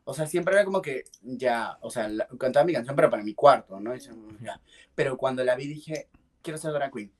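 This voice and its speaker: A man, a drag performer, telling his own story in a casual interview with a lively, playful delivery. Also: medium pitch, fairly quick. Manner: lively and playful, acts out quoted voices, laughs often. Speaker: drag queen guest.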